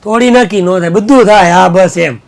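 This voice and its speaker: A man from Gujarat teaching an online class, with a high voice and a gravelly, fried edge. He explains each point twice, dropping English words into the lesson. He teases his students as he goes. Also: normal speed, a crowd in the background. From Gujarat, India. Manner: teasing banter with students.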